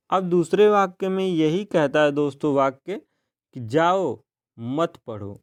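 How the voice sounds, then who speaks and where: A man teaching a grammar lesson for exam preparation, often checking in with a rising "okay?" and slowing down to read out examples. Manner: keeps asking "ठीक है ना" in a rising tone, addresses viewers as friends; slows down and drops pitch to read out example sentences.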